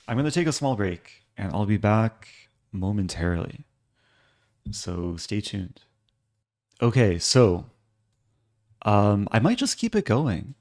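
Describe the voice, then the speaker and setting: A man with a low voice commentates casually on a live chess stream. He speaks slowly and in a low-key way, thinking aloud in short fragments as he goes. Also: a little mellow.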